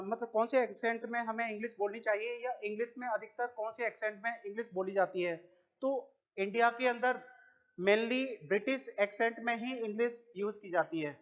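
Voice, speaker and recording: A man's voice: very high voice, dull audio. A man with an Indian accent teaching an English lesson, asking questions and answering them himself, repeating each word. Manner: explains slowly, repeats words, asks questions then answers them. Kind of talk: classroom lesson.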